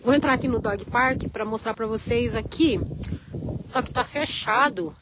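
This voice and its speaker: Outdoors at a snowy RV park, a woman from Rio de Janeiro with a Carioca Brazilian Portuguese accent chats on a live vlog, walking around, reading viewer comments and greeting people by name. She feels the cold, her hands chilled. Her voice sits on the high side at a moderate pace, against a noisy background.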